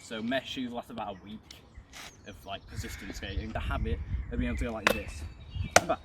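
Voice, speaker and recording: A man's voice: fairly low pitch, fairly even intonation, brisk. A young man giving a casual skateboarding tutorial outdoors, chatty and informal, a little out of breath. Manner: chatty, loose and informal, swearing now and then. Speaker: skateboarding vlogger. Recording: loud outdoor background noise.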